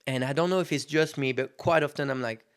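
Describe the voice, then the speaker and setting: Speaking fast at an ordinary mid pitch, a man in his thirties runs his own podcast as a loose, unscripted motivational monologue. He's candid, swears freely and keeps calling his listeners guys.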